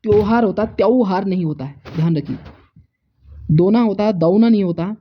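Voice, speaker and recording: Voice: medium pitch, a little fast, slight background noise. Earnest teacher drilling spelling, dull audio. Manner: drilling, repeating each correct and wrong form; earnest, stressing exam importance. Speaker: Hindi teacher. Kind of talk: exam-prep spelling lesson.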